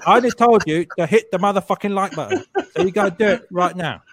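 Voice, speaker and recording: A man putting on the voice of an angry yelling guy who bosses the listener around. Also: high voice, brisk, dry recording, pitched above the performer's own voice. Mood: shouting, bossy.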